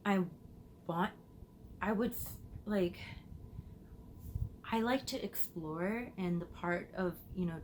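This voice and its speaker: Recording casually on her phone, this Illinois woman works through viewers' perfume questions in a Q&A chat, musing aloud as she talks. Her pitch is fairly low, and the poor audio carries a little hiss or hum.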